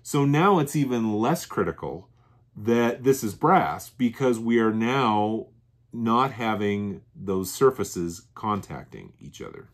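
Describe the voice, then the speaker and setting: A man with a fairly low voice talks through parts laid out on his workbench. He explains each piece methodically, often saying the same point twice in slightly different words. He talks the way a hobbyist host does in his own workshop. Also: lively intonation, slow pace. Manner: plain, methodical explaining with frequent restatements. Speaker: channel host. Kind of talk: workshop show-and-tell. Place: workshop bench.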